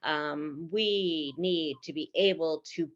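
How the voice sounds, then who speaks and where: Woman from Philadelphia, lower voice, reflective, hesitant fillers, muffled video call sound. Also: slow pace. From Philadelphia, United States. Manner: reflective, thinks aloud with many um's. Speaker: panelist, researcher. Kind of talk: conversational webinar discussion.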